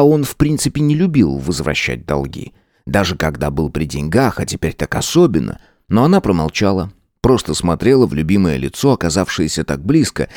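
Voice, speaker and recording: A man narrating an audiobook in an expressive, dramatic reading. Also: sits low, no room sound, studio quality.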